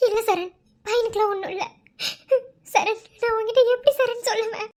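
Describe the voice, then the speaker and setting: A performer voices a cartoon's guilt-ridden young mother, distraught as she sobs and begs over the phone, saying his name again and again. Her voice is very high-pitched and fairly bright, at a normal speed.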